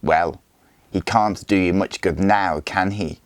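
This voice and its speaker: A cruel Viking warlord, smug and mocking as he talks, as a man puts him on. The voice stays low and close, near the reader's own, in a dry recording of a storybook reading. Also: fairly even intonation, takes it slowly, dry recording.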